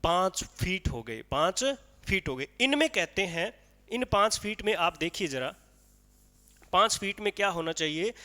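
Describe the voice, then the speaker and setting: A man's voice: high voice, pushed and bright, in a large hall. A male teacher giving a classroom lecture on poetic meter, explaining step by step with repeated rhetorical questions and counting aloud.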